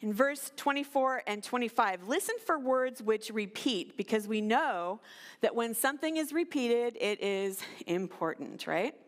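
A woman's voice: fairly high pitch, animated, measured pace. A woman with an American accent giving a guest sermon in a church, talking conversationally and addressing the children and congregation directly. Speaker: guest preacher. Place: church sanctuary. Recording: long hall reverb in a church.

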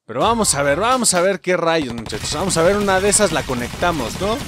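A man with a Mexican accent giving let's play commentary, excitable, swearing and yelling at the game as he plays. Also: high voice, a little fast. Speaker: gameplay streamer. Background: game music.

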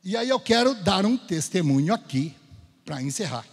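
Lively Brazilian preacher with husky voice. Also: male voice, high voice, normal speed. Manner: storytelling, lively, acts out dialogue. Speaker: Gideon speaker at church. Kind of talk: testimony sermon. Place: church sanctuary. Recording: hall reverb in church.

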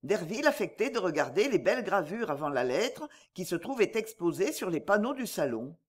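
A woman narrating a classic novel as an audiobook reader, in a measured, expressive literary reading. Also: fairly low pitch, slightly rough.

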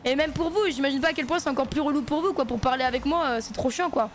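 Soft music sits behind this high-pitched woman as she rattles along quickly. She's streaming a game and keeping up loose, slang-filled banter with her chat as she plays.

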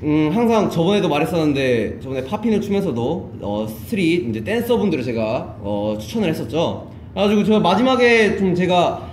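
A man's voice: fairly high pitch, sing-song, a little fast, few pauses, darkish tone. A young man hosting a casual livestream from a large practice room, teasing and laughing often, picked up by a phone camera on the floor. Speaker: livestream host. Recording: roomy echo with faint noise.

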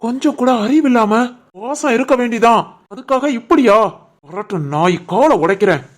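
A woman voicing a young husband and son in an animated family drama, scolding and stern, with a Tirunelveli Tamil accent. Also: a little high, normal speed, close to an everyday voice. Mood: angry. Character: young husband and son, short-tempered man.

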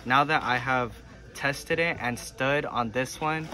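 A young man hosting a casual vlog, chatting in a relaxed, slangy way and telling stories from stores and a cafe, filmed on a handheld camera. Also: mid-range voice, slow. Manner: laid-back, slangy, storytelling with laughs. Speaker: vlogger host. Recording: loud background music.

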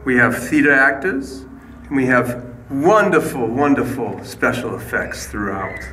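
A man's voice: mid-range voice, animated, unhurried, bright, forceful tone, a little hiss or hum. Chatty man in an echoey haunt. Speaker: haunted attraction organizer. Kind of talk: casual interview. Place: dark stone-walled haunted attraction, indoors.

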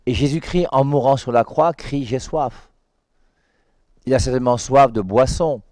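A man, a priest, giving a conversational Sunday Bible commentary, often adding "hein" and repeating words, and reading scripture slowly and emphatically. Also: medium pitch, a little mellow, no echo, studio quality.

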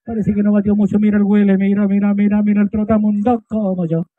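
High-voiced excitable match commentator. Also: male voice, fast, no echo, narrow, tinny audio. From Chile. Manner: excitable, playful, repeats players' names. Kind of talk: live football commentary.

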